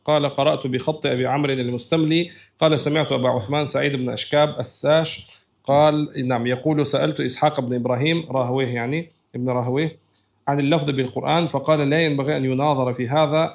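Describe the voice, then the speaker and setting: A religious teacher with a gravelly, mid-range voice gives a lecture. He reads out Arabic passages, then explains them plainly in his own words.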